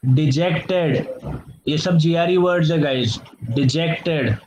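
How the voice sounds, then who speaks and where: A man's voice: fairly high pitch, unhurried, a little mellow. A man teaching vocabulary in an online class, playful, quizzing students and repeating words. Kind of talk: online class, mixing Hindi and English. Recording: dull lo-fi online class audio.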